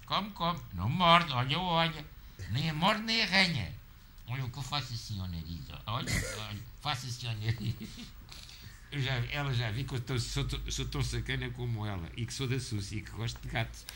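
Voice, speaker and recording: A man's voice: medium pitch, expressive, brisk, sharp tone, a little hiss or hum. A man talking casually at home, doting and cooing in baby talk. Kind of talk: casual home video chat.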